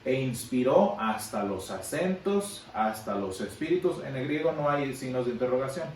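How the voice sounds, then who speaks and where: A man's voice: medium pitch, expressive, moderate pace, slight background noise. A man teaching a Sunday school Bible class, explaining patiently and asking his listeners questions. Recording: echoey room, from far off.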